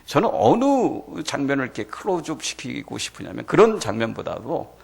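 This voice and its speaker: A male pastor preaching a sermon in a church, animated and full of rhetorical questions to the congregation. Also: medium pitch, normal speed, vocal fry, husky. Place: church sanctuary.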